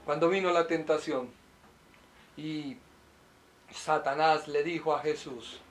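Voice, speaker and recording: Impassioned pastor, man, fairly high voice. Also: fairly even intonation. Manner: impassioned, swings from loud urging to soft, slow confession. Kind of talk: sermon. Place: small apartment set up as a studio.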